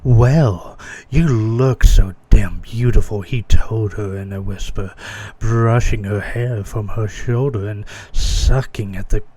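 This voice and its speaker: Slow-talking man reading fan fiction. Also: fairly low pitch, dark tone, breathy edge. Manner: breaks character with amused asides.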